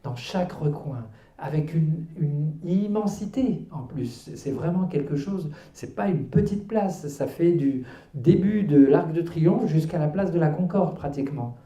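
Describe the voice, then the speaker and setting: A man in his fifties, an author appearing as a guest, is interviewed at a public book talk in a roomy cultural centre hall. Born in Algeria and raised in Paris, he speaks in a slightly high, animated, warm voice at a measured pace. He is earnest but hesitant, with many fillers and restarts.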